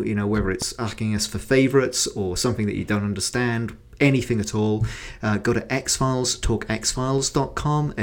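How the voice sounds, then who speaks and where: A man hosting a podcast, running a quiz and chatting casually with fillers. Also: medium pitch. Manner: relaxed, chatty, with frequent fillers. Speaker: podcast host.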